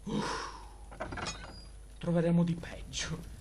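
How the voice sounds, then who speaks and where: A man's voice: on the high side, completely flat delivery, takes it slowly, a little mellow. A young man from Sicily with a Sicilian Italian accent, commenting on a horror game while playing, nervous and swearing, joking with his viewers. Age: young adult. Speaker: gameplay commentator. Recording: noisy home recording.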